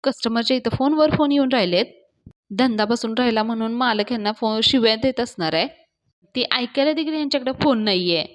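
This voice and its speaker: A woman's voice: a little high, brisk, lightly acted. Brief: scheming young male sidekick, wheedling, put on by a woman narrator. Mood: sly.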